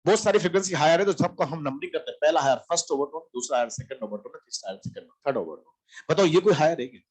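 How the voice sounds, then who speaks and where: Husky male teacher, fairly high voice, lecturing with repeated questions and answers. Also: animated, racing, a little mellow. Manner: asks questions and answers them himself, repeats key terms. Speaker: physics teacher. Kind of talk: classroom lecture.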